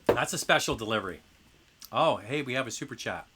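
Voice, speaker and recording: A middle-aged man talks casually on a live car Q&A stream. His voice is bright and forceful. He rambles with plenty of fillers and restarts. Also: medium pitch, expressive, fairly quick, a little hiss or hum. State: occasional coughing from acid reflux.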